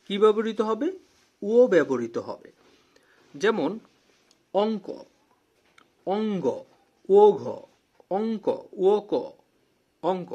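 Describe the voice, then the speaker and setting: A man with a slightly raised, husky voice teaches a spelling lesson. He reads out word lists at a slow, deliberate pace, repeating words for emphasis, his pitch rising and falling freely. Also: darkish tone.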